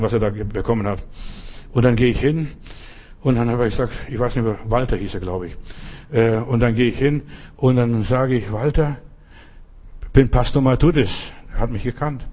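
In a mellow, mid-range voice, a man delivers a sermon as pastor, talking to the listener one-on-one in a conversational way and repeatedly asking if they follow.

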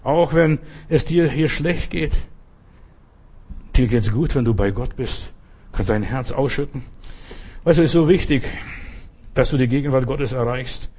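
A pastor delivers a sermon in a mid-range, slightly mellow, husky voice, speaking without hurry and pausing often. His tone is conversational as he addresses each listener directly and keeps checking whether they follow.

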